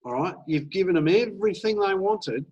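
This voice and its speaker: A man coaching a group on sales calls in a casual, animated training talk, acting out sample dialogue. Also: sits high, fairly quick, husky, muffled recording. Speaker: business coach.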